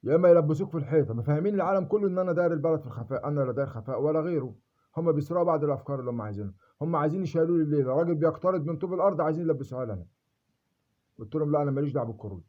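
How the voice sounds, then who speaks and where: Fast-talking Egyptian man, rambling. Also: on the high side, dull audio. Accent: Egyptian Arabic. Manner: rapid, emphatic, swears oaths to be believed. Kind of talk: rambling personal monologue.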